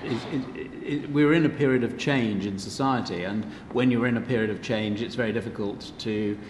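Panelist, male, low voice, halting and restarting, long hall echo with noise behind. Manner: hesitant, many restarts and fillers. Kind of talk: panel discussion answer. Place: large lecture hall. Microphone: table microphone. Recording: echoey hall, some background noise.

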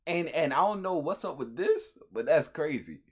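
A young American man hosts a reaction video from a small room in his home, offering casual, slangy commentary that keeps repeating itself while he chuckles. His voice is a little high and slightly rough, animated, and delivered at normal speed.

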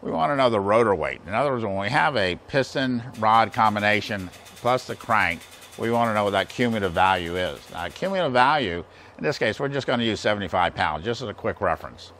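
An American man in his sixties, demonstrating engine balancing equipment in a large indoor machine shop, explains step by step in a folksy, plain-spoken way. His voice is on the low side, fairly quick and bright with lively intonation, over clear workshop noise and soft background music.

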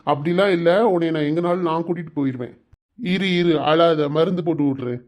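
A man voicing a gentle young groom-to-be. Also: on the high side, normal speed, natural voice. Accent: southern Tamil Nadu Tamil. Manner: gentle, polite, teasing. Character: polite, teasing young groom-to-be.

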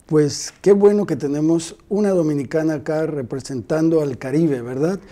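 A man in his sixties, a pastor hosting a devotional TV show, talking calmly and reflectively in a studio on a lapel mic. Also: a little high, normal speed. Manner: calm, reflective, paraphrases the guest. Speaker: pastor and TV host. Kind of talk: devotional TV interview. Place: TV studio set, indoors.

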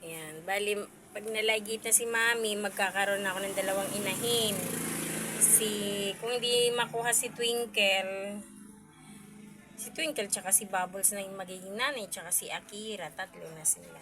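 A woman's voice: medium pitch, steady tone, normal speed, over music. A woman vlogging casually at home about her cats, chatty and cooing baby talk at the kittens.

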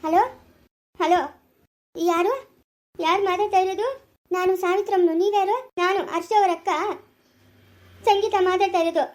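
A woman's voice: very high-pitched, fairly even intonation, normal speed, long pauses. A woman playing a young sister who is upset and angrily blames others in an amateur family drama. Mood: upset, accusing. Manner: accusing, agitated. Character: angry, tearful young sister blaming others.

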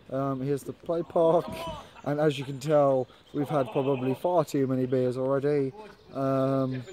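A man's voice: medium pitch, warm tone. A young man from Britain talking casually in a rambling travel vlog, filmed on a phone at arm's length outdoors at a campsite. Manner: chatty, rambling with many ums. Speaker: vlogger.

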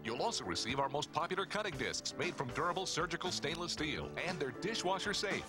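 Guy doing a home shopping host pitch, kinda high voice, urgent, loud music behind him. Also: expressive, a little fast. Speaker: infomercial announcer. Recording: loud music bed under voice.

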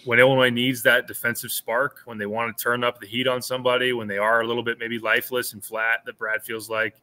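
Calling in over video from a small home room, wearing over-ear headphones with a webcam, a thirties-aged sports analyst co-hosting a podcast gives a casual, thoughtful postgame breakdown. He frequently restarts and repeats words, speaking quickly in a mid-range, pushed and bright voice with little pitch movement.

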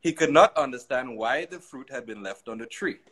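A man narrating a children's story aloud in an expressive, sing-song way. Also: medium pitch, moderate pace, husky, low-quality recording.

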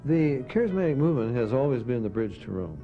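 A man's voice: mid-range voice, sing-song, quick pace. A man giving an assertive, warning teaching talk on a dull lo-fi recording with music.

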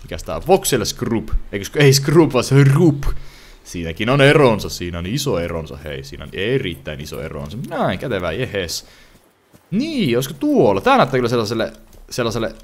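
A young man commenting casually as he plays a game, thinking aloud with lots of restarts. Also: lowish voice. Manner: lively, rambling, thinks aloud with frequent restarts. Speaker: gaming channel host. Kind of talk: let's play commentary.

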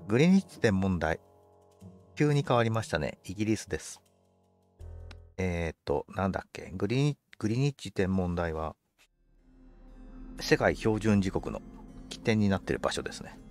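A man's voice: sits low, big pitch swings, normal speed, pauses often, darkish tone, faint music behind. A man commentating on a game for a livestream, politely musing aloud to himself in casual chat. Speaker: game streamer.

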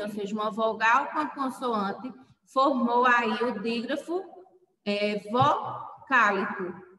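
Woman teacher spelling out letters slow, bright-ish voice, roomy echo from far off. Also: fairly high pitch. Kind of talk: explaining a lesson to children. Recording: echoey room, mic far off.

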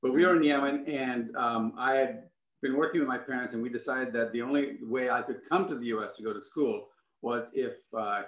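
A middle-aged man with a lowish voice recounts his family's past, earnest and full of restarts. He talks over a video call from a home room that sounds echoey. The sound is a little muffled. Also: a bit bright. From Ghana. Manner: earnest, many restarts and asides. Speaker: guest. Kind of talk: conversational storytelling. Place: home room with wooden furniture.

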